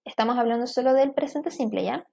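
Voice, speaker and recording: High-voiced woman teaching English grammar. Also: creaky, darkish tone. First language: Spanish. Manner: mixes Spanish explanation with English examples, checks in with "¿ya?"; slow, careful reading of example sentences. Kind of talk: online grammar lesson.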